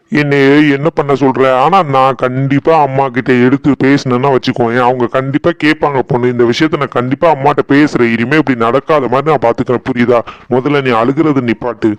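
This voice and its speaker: A man with a Tirunelveli Tamil accent voicing a gentle young husband in a cartoon, soothing his wife and standing firm with his mother. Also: mid-range voice, steady tone, brisk, smooth, no room sound, lo-fi sound, close to an everyday voice. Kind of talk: cartoon voice acting.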